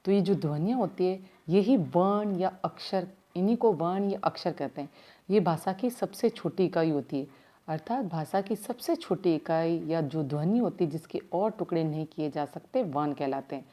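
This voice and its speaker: A woman teaching primary school grammar in a slow, step-by-step way, asking her class questions as she goes, with words her speech. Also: on the low side, expressive, dark tone. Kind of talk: recorded grammar lesson.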